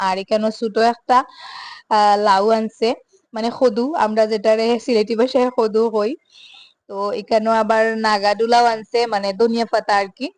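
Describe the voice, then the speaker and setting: A young woman with a Sylheti accent, chatting casually through her home vlog and filling pauses with little hesitation sounds. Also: fairly high pitch, darkish tone, dry recording. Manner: chatty, mixes Sylheti and standard Bengali, many filler sounds. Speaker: home vlogger.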